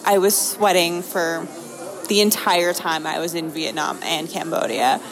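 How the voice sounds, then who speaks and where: A woman's voice: on the low side, a little slow, a crowd in the background. An American woman from Maine hosting a travel show, narrating vlog-style in an upbeat, enthusiastic way. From Maine, United States. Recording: music behind the voice.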